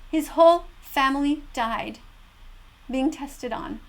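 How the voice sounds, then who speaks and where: A woman with a high voice gives spoken reaction commentary. She is earnest and emphatic, speaking as a moralizing animal advocate. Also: slow, slight background noise. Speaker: video creator, animal rights advocate.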